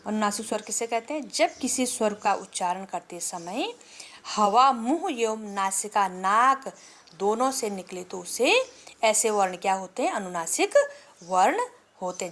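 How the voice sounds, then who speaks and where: A woman teacher giving a grammar lesson to schoolchildren. She explains patiently and poses questions that she answers herself. She stretches out vowel sounds slowly as examples. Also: fairly high pitch, a bit bright. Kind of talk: classroom lesson to children.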